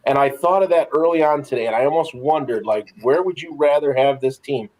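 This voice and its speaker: A man's voice: medium pitch, brisk, darkish tone, poor audio. A man co-hosting a sports podcast in a casual, enthusiastic, encouraging way. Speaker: podcast co-host.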